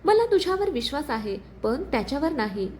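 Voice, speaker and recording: A woman's voice: high-pitched, sing-song, fairly quick, a little hiss or hum. A woman voicing a protective, hot-tempered young businessman in a story reading. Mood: intense. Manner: intense, forceful lines.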